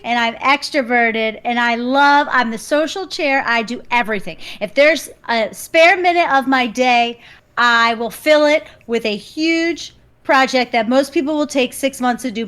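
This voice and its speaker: A woman doing an impression of a loud, outgoing, boastful female co-host. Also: a little high, smooth. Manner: brash, self-praising, loud.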